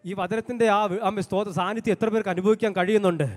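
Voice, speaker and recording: A man preaching a sermon as pastor in a church hall, with fervent, repetitive call-and-response lines that build to shouts. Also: high voice, fairly even intonation, fast talker. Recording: long hall reverb.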